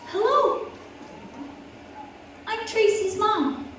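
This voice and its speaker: A woman voicing her calm, friendly mother in a high, gentle, upbeat voice. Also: drawn-out words, slight background noise, heavily acted. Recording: echoey hall from far off, faint ambience.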